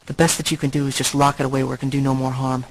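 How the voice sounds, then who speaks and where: In a rough recording with a little hiss or hum, a man plays a centuries-old video game vampire who is brooding, tormented, and noble. His natural, mid-range voice is monotone as he explains things in a grave, halting, earnest way.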